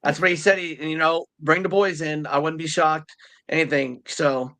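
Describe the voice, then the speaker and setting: A man's voice: on the high side, fairly even intonation, moderate pace, pushed and bright. A man co-hosting a casual podcast, rambling easily and restarting his sentences. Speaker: podcast co-host. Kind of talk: casual chat.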